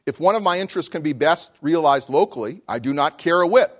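A man lecturing as a law professor, reading a prepared text in an erudite, formal manner with deliberate phrasing and rhetorical questions. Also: a little high, animated.

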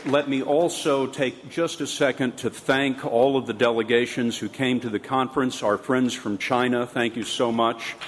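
A middle-aged man moderating a conference panel, speaking in a measured way and slowing down to stress his points. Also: mid-range voice, steady tone, a crowd in the background. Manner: measured, slows down for emphasis. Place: large conference hall. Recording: echoey hall with faint room noise.

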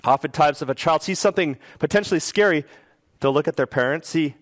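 A man giving a public talk, explaining step by step and checking in with "okay?", now and then acting out parents and children in a sudden high voice. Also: quick pace, dry recording. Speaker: speaker giving a research talk.

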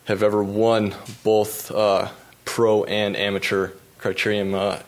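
A young pro cyclist from the United States walks through his racing stories with slides, his voice sitting a bit low. His manner is relaxed, with frequent fillers and self-deprecating laughs at what went wrong.

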